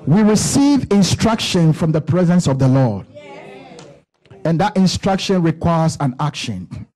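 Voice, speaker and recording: A pastor in his thirties preaching a sermon on a church stage into a handheld mic, building to shouts with rhythmic repetition. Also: on the high side, very animated, measured pace. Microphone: handheld microphone.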